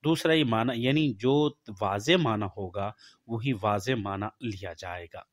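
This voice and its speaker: A middle-aged man teaching Islamic jurisprudence, reciting Arabic rules slowly and explaining them. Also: on the low side, dry recording, studio quality. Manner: slow, deliberate recitation of Arabic texts, then explaining in Urdu. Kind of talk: religious lecture.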